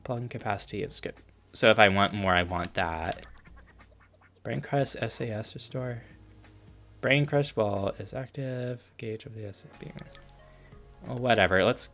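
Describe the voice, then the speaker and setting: A man's voice: on the low side, normal speed, long pauses, faint music behind. A man casually commenting while playing a video game, reading out menus and skills. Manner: relaxed, reads out game menus with filler ums. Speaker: gaming streamer. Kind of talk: casual let's-play commentary.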